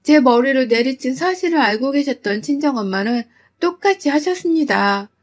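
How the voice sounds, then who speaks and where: A woman's voice: high-pitched, lively intonation, moderate pace. Woman narrating a sad confessional story. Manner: plaintive, confessional. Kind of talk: first-person story narration.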